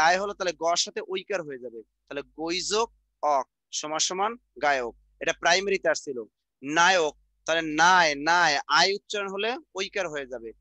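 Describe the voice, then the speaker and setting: A middle-aged man teaching an exam-prep grammar lesson, repeating sounds slowly and quizzing the class. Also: high-pitched, bright, forceful tone, no room sound. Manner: repetitive, drills sounds out slowly, asks the class questions.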